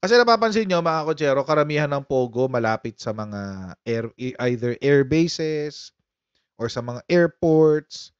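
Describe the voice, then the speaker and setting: Guy doing casual live-stream commentary, kinda high voice, dry dull lo-fi sound, laughs a lot. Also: expressive, normal speed, smooth, no room sound. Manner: chatty, laughs often, calls viewers "mga kotsero". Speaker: political commentary host.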